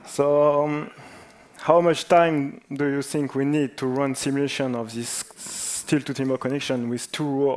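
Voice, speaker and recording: A man's voice: mid-range voice, darkish tone. Playful man hosting a quiz. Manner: playful, jokes about national clichés. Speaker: conference presenter. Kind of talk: conference talk with joking quiz.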